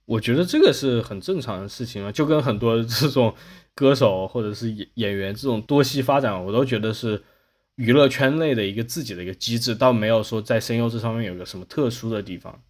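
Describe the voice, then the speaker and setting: A podcast host with a mid-range voice talks quickly in a casual discussion, explaining things wordily and rephrasing as he goes.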